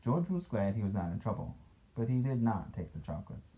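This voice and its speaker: A man reads a picture book aloud as a dad to his child, chatting about it in a playfully critical, conversational way. His fairly low voice is sing-song and brisk. The home recording sounds dull and noisy.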